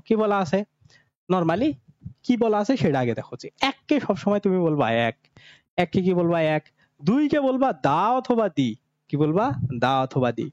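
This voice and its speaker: High, lively teacher voice. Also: male voice, no room sound. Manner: asks questions and answers them himself, often checks "ঠিক আছে?"; colloquial, coaxing teacher's tone. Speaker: admission test teacher. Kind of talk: online class lecture. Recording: dull, dry lo-fi sound.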